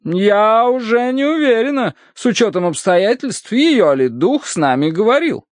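A man's voice: sits high, big pitch swings, normal speed, no echo, pitched above the performer's own voice. A man reading an audiobook voices a haughty, imperious older Victorian lady in a raised, commanding tone.

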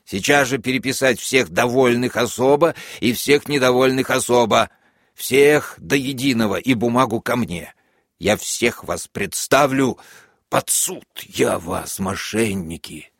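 A man voicing a furious, bullying prison major who screams in shrill outbursts while reading an audiobook. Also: lively intonation, unhurried, creaky, a bit bright, slightly rough, no echo, studio quality, heavily acted. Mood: hurried commanding.

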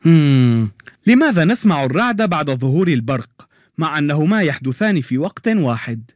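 An actor playing an encouraging young quiz master in a children's radio drama. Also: male voice, a little high, brisk, dry recording, clean studio sound. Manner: lively, encouraging questioner.

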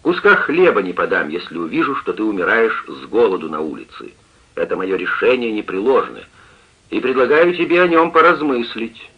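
A man's voice: on the low side, sing-song, moderate pace, hardly any pauses, lo-fi sound. A man playing a furious blustering squire. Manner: shouting, blustering, cursing. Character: hot-tempered older country squire, a bullying father.

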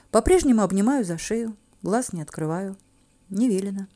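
Mellow-voiced woman narrating an audiobook. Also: mid-range voice. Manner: dramatic storytelling with wry asides. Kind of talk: first-person audiobook narration.

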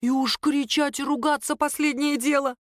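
A woman's voice: high voice, expressive, unhurried, no echo, studio quality, pitched above the performer's own voice. A woman reading a story aloud and voicing a scheming, fussing older mother-in-law who coaxes and scolds. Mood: scolding. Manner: fussing, coaxing, then scolding in hushed tones.

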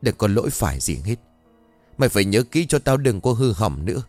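A man's voice: on the low side, sing-song, brisk, a little mellow, no room sound, faint music behind. A man voicing a stern middle-aged mother who scolds her daughter bluntly and sharply.

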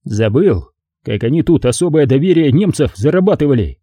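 A man voicing a gruff middle-aged male partisan commander who grumbles and gives orders in an audiobook. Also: on the high side, expressive, a little fast, warm tone, no echo, studio quality. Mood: gruff commanding.

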